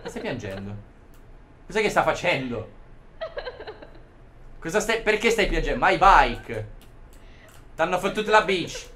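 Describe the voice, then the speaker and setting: A man's voice: on the high side, measured pace, pauses often. A young man doing a horror game let's play, swearing and jumping between panic and mocking banter. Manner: excitable, swears, swings from panic to mockery. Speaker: gaming YouTuber.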